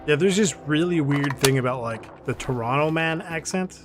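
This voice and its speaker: A man's voice: fairly high pitch, normal speed, over music. A young man giving casual, rambling commentary on his game stream, chatting with viewers and laughing easily. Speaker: gaming streamer. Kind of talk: casual let's-play commentary. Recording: game gunfire and noise behind voice. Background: game sounds, gunshots.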